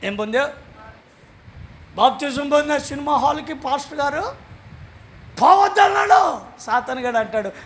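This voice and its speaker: High-voiced pastor preaching, bursts of shouting. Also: male voice, normal speed, long pauses. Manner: preaching with sudden shouted calls for hallelujah; conversational, acts out little dialogues. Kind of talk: sermon.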